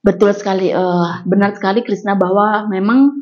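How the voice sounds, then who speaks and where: A woman's voice: medium pitch, fairly even intonation, normal speed, a little mellow. A middle-aged woman pastor, a guest on a church podcast, who explains patiently in casual talk. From Bali, Indonesia. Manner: explains patiently, many fillers. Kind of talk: casual chat. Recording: dull lo-fi podcast audio.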